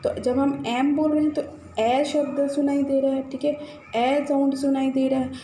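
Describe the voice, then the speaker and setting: A woman's voice: fairly high pitch, dark tone. A woman teaching grammar to students, encouraging and repeating phrases to check they follow. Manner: encouraging, repeats "ठीक है" and addresses children. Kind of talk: classroom-style explanation to students. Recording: echoey room with faint noise.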